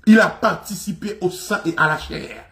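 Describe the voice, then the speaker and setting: A man with a Haitian accent in a fiery, mocking religious rant, repeating insults and shouting. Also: sits high, expressive, moderate pace. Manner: mocking, shouting, repetitive, laughing scornfully. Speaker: radio commentator.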